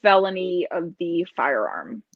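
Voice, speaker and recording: A woman's voice: fairly low pitch, very animated, unhurried, creaky, no echo, phone-quality sound. A woman in casual podcast chat, speaking hesitantly with trailing-off phrases.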